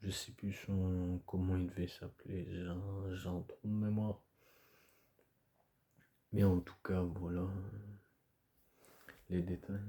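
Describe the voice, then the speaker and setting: Nursing a cold, this video creator sounds hoarse and congested and coughs as he chats to camera in a wandering, hesitant way, thick with fillers and restarts. He speaks slowly in a very low voice that stays level and mellow.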